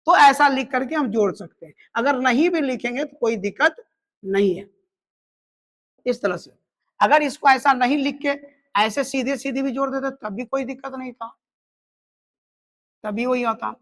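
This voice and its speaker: A woman math teacher giving a step-by-step lesson, slowly explaining each step and counting digits aloud. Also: sits high, a bit bright.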